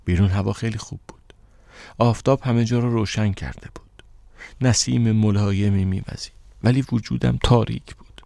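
A male narrator reading a first-person novel in a steady, measured way. His voice is very deep and gravelly, recorded dry and close with no room around it. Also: no echo. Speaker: audiobook narrator.

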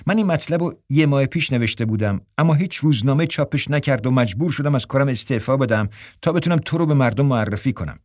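A man's voice: mid-range voice, lively intonation, a little mellow, dry recording, lightly acted. A cocky, wisecracking editor, played by a man, tosses off lines in a breezy, joking way. The sound is close and dry, like a studio radio play. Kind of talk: radio drama acting.

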